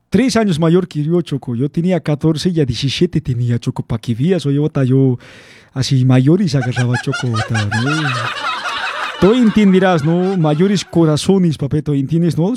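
Man, high voice, rambling casual storyteller, chuckles a lot, slangy asides to the listener. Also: animated, a little slow, background noise. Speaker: vlog host telling a story.

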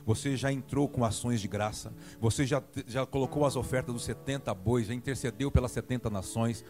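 Speaking fairly quickly in a mid-range voice, a man with a Brazilian Portuguese accent preaches a sermon. He is animated, acting out dialogue and prodding the congregation.

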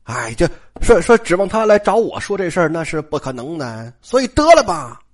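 Brash scheming young nobleman, blunt and bold, as a storyteller plays him, lively rising and falling pitch. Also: brisk. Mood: resolute.

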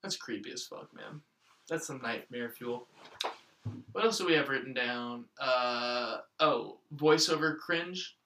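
A man's voice: mid-range voice, a little slow, roomy sound, recorded from a distance, noisy background. A man hosting a casual comedic podcast chat, crude and swearing freely. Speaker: podcast host.

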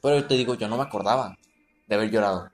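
A man's voice: on the low side, fast talker, soft background music. A man with a Mexican accent, telling a creepy childhood story in casual chat and often checking in with his listener. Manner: tells a spooky tale, checking in with "¿no?" and "¿verdad?". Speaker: podcast storyteller.

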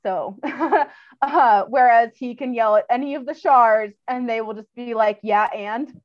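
A woman's voice: a little high, unhurried, dry recording. A woman who trains dogs, speaking as an interview guest in a casual, chatty way, full of fillers and laughter, on slightly dull audio.

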